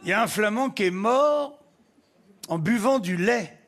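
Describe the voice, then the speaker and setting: A man telling quick one-liner jokes on stage with punchy delivery. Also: high-pitched, animated. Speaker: stand-up comedian. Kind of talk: live joke-telling. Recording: live stage with loud audience.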